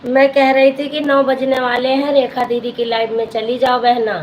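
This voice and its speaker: A woman's voice: high voice, little pitch movement, normal speed, muffled recording, a little hiss or hum. A woman, a folk singer chatting casually with viewers on a live stream, calling them sister and reading their comments aloud.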